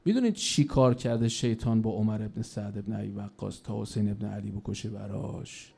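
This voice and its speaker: A man preaching a sermon in a colloquial storytelling manner, his voice rising and falling sharply in loudness. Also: fairly low pitch, gravelly, slightly rough. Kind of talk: religious sermon.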